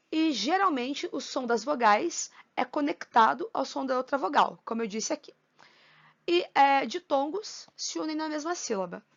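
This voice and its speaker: A woman's voice: on the high side, gravelly, dull audio. A woman teacher giving a recorded lesson on poetry, explaining step by step and counting syllables aloud.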